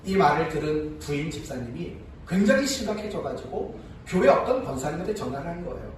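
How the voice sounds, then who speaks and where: Animated pastor preaching in an echoey hall. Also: male voice, fairly high pitch, fairly quick, recorded from a distance, a little hiss or hum. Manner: animated, talks to the congregation with rhetorical questions. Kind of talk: sermon with storytelling.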